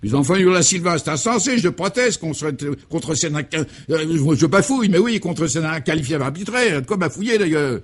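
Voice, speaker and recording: A man's voice: deep voice, steady tone, a little fast, hardly any pauses, warm tone, breathy edge. A man voicing a flustered male reporter who stammers and sputters in protest. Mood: indignant.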